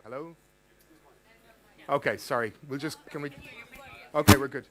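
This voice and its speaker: A man with an Irish accent giving a live startup pitch at a demo night, earnest and with fillers. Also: normal speed, very noisy. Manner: earnest, with fillers and mic checks.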